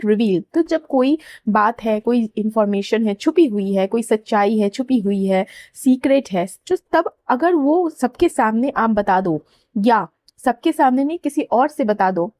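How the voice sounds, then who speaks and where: Mellow-voiced woman teaching vocabulary. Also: on the high side, no echo. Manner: patient, repeats key words and checks understanding. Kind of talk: explaining word meanings.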